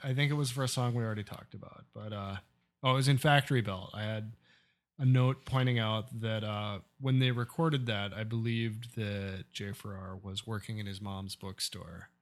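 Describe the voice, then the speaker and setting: A man's voice: lowish voice, fairly even intonation, normal speed. A man from Nebraska co-hosting a podcast in casual chat, laughing often and talking animatedly. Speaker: podcast co-host.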